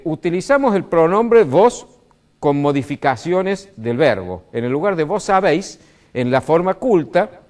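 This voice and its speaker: This Argentine man from Córdoba has a slightly high, somewhat dark voice. He explains grammar didactically, talking about language with lots of "este" fillers and rising stresses.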